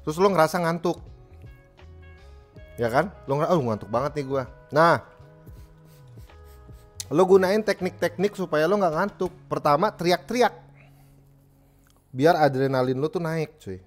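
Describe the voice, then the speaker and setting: Man, livestream host, joking, slangy, fairly high voice, faint background music. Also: measured pace, long pauses. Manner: joking, chatty, slangy advice. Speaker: streamer reading viewer messages. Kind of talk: casual livestream chat.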